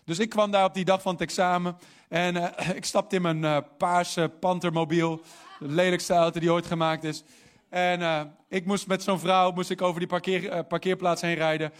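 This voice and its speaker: A man's voice: high-pitched, normal speed. A young man preaching a sermon, telling a story and then building to emphatic calls, with English phrases slipped in. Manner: animated, rising to emphatic preaching; mixes English phrases into talk. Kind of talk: sermon with personal anecdote.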